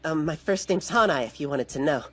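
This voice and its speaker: An actor playing an earnest teenage schoolboy who sees spirits, flustered and quick to scold himself, in an anime dub. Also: male voice, on the high side, lively intonation, a bit bright, faint music behind. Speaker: high school student. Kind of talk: anime English dub acting. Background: background score.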